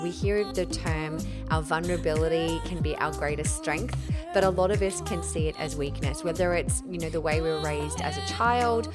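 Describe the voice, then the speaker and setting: A woman hosting a podcast, speaking in a warm, encouraging, affirming way. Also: fairly low pitch. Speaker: podcast host. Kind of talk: podcast intro and interview.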